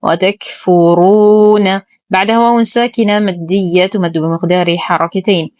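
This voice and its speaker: A woman teaching Quran recitation rules, explaining each word carefully and then reciting it slowly and precisely. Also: lowish voice, no room sound, highs cut off. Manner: careful, precise, slow drawn-out recitation of examples.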